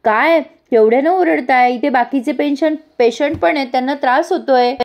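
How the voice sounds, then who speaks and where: Woman voicing an irritated high-pitched nurse. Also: moderate pace, darkish tone. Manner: reproachful, high.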